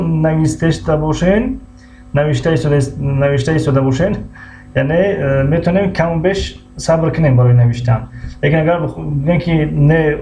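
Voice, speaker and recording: Tajik man teaching words slowly. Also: fairly high pitch, dark tone. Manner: repeats each word slowly, greets viewers by name. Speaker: English teacher. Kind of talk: live-streamed language lesson. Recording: muffled lo-fi stream audio with faint hum.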